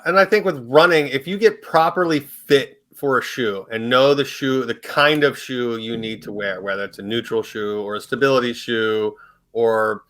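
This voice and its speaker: A man in a casual podcast chat with a bright, forward voice at a middle pitch. He talks in a relaxed, hesitant way, leaning on fillers as he goes. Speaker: podcast co-host.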